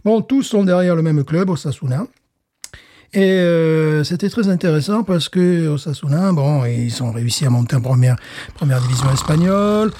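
A man co-hosting a podcast in a relaxed, conversational way. His voice is somewhat high but mellow, and it sounds close and dry. He rambles and stumbles over repeated words as he goes. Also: moderate pace, dry recording. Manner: rambling, repeats words while searching for them. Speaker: podcast co-host. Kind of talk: casual chat.

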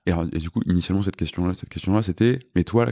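A man with a very deep voice hosts an informal interview, talking quickly and rephrasing the guest's points. The recording is close and dry. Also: mellow, no echo. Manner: informal, sums up the guest's words. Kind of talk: casual interview chat.

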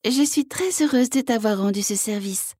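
A woman voicing a small, gentle female frog princess who speaks softly in a little voice for a children's storybook. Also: a little high, normal speed, breathy edge, no echo, studio quality, pitched above the performer's own voice. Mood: tender. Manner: soft, small voice.

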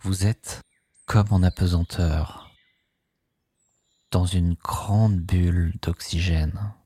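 Very slow, deep-voiced man guiding sleep hypnosis. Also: steady tone, husky, no room sound. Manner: slow, soothing, hushed delivery.

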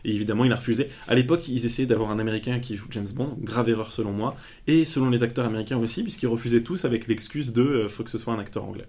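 A man's voice: medium pitch, very fast, a little mellow. A man co-hosting a casual film podcast, telling anecdotes with a joking manner and many fillers. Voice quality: storytelling manner with frequent fillers and jokes. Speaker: podcast co-host.

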